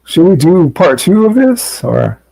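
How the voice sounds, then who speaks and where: A man's voice: high voice, very animated, unhurried, creaky, mellow, rough recording. A man hosting a late-night stream, reading chat comments aloud and chatting casually with a co-host, laughing often. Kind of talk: casual chat while watching videos.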